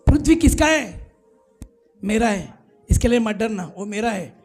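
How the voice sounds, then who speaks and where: A man with a high, gravelly voice preaches an emphatic sermon, pressing the congregation to shout back their answers. Faint music plays behind him in the church. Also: expressive, normal speed. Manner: exhorting, urging the congregation to answer aloud. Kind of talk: emphatic sermon with call-and-response. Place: church at a night service.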